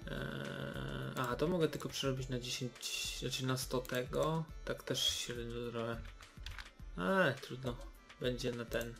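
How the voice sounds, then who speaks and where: A young man talks slowly over his game while opening loot boxes, with a gravelly edge to his voice. He hesitates, restarts and fills gaps with drawn-out ums, sounding mildly let down. Faint music plays behind him. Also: medium pitch, steady tone, fairly bright tone. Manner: hesitant, many fillers and restarts, mildly disappointed. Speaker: gaming YouTuber.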